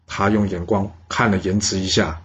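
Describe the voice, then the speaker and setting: Husky, low-voiced storyteller, a man. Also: muffled recording. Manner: lively, colloquial, with many drawn-out particles. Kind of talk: historical storytelling.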